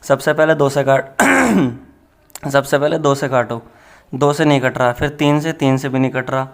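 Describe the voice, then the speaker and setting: A man's voice: medium pitch, unhurried, vocal fry. A young man teaching a maths lesson in a playful, chatty way, with teasing asides as he works through the problems.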